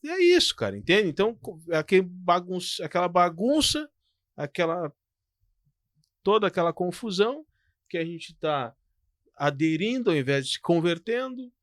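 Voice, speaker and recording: Animated man, dry sound. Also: sits high, normal speed, no echo. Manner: animated, storytelling, frequent "cara" and "tu". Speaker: podcast co-host. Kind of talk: casual pastoral podcast talk.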